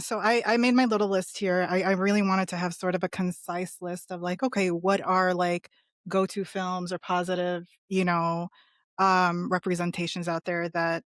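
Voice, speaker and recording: A woman's voice: lowish voice, no echo, clean studio sound. A woman speaking in a casual podcast discussion, earnest, with many restarts and fillers. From Palestinian family. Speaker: podcast guest panelist.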